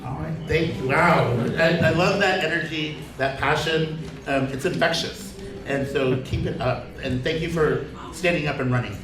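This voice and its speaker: A man's voice: on the high side, normal speed. A man moderating a community panel in a loose, chatty way with lots of fillers. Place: large community center hall. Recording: echoey hall from far off.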